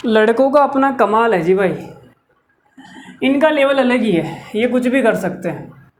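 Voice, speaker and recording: A man's voice: extremely high pitch, animated, measured pace. Chatty, teasing male maths teacher. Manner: chatty, teasing, talks straight to the viewers. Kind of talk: lively lecture with jokes.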